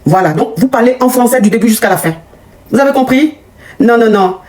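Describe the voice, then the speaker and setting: A middle-aged woman coach ranting at her online critics in a scolding, mocking, repetitive way, her voice jumping up in pitch as she gets heated. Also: animated, a little fast, darkish tone. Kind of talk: angry rant on a live video.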